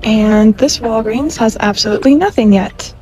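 A woman in her twenties talking casually and excitedly to a phone camera while shopping in stores. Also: on the high side, moderate pace, soft background music. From California. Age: 20s. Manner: gushing, excitable, chatty. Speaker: vlogger. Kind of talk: casual shopping vlog narration. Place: in stores with background music, holding a phone.

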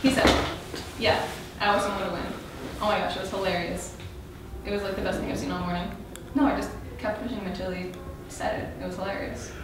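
A woman's voice: mid-range voice, steady tone, quick pace, long pauses, close to an everyday voice. An actress playing a female journalist who teases a coworker with pushy, needling questions. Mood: teasing. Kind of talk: student short-film acting. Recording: echoey room with noise.

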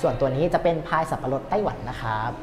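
A young man hosts a casual cafe tour vlog inside an old shophouse cafe, speaking quickly in a mid-range voice with an upbeat, polite tour-guide manner. He's on a clip-on lapel mic, and crowd noise can be heard.

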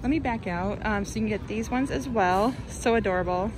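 This shopping vlogger, a woman with a mid-range voice, talks briskly and cheerfully while recording clothes on a phone she holds in hand. It's loose shop-with-me narration full of fillers, set inside a big retail store with noise all around.

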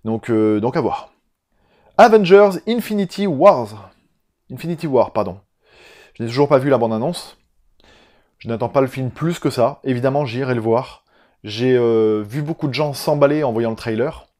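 A man with a southern French accent chats loosely to his viewers at a mid-range pitch. He is sarcastic and easily sidetracked, jumping between jokes and asides. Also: normal speed, warm tone. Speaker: film YouTuber. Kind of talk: casual video chat.

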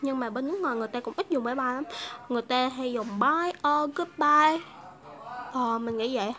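Her voice is high-pitched, bright, brisk and forceful as this Vietnamese English teacher hosts a relaxed video lesson. She chats freely and repeats phrases so learners can follow.

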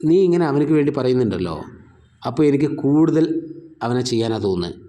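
A man's voice: medium pitch, lively intonation, fast talker, warm tone, natural voice. A man voicing a cruel, mocking male villain in a retold serial story, threatening and sneering.

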